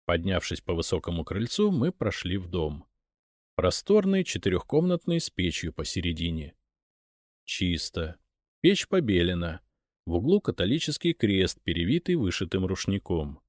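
A man narrating a first-person audiobook in a measured storytelling manner, voicing each character in turn. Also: sits low, big pitch swings, no room sound, studio quality.

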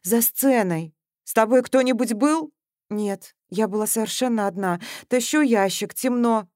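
A woman voicing a plucky, matter-of-fact young woman who gives quick, plain explanations. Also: fairly high pitch, a little mellow, dry recording, studio quality, pitched above the performer's own voice, lightly acted.

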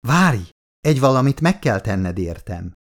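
A man's voice: mid-range voice, very animated, lightly acted. A male audiobook reader voicing a playful young woman who coaxes and pleads in a girlish, sulky way. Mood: coaxing. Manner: pleading, childlike coaxing. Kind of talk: audiobook character voice.

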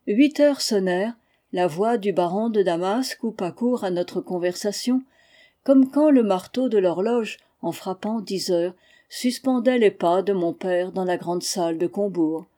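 A woman reading a literary memoir aloud in a measured, expressive audiobook narration. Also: mid-range voice. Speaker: audiobook reader.

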